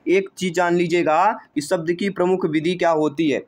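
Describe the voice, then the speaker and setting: Guy teaching exam prep, bit high voice, keeps asking then answering his own questions. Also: steady tone, moderate pace. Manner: addresses listeners warmly as dear friends and brother; repeats answers and quizzes listeners with rhetorical questions.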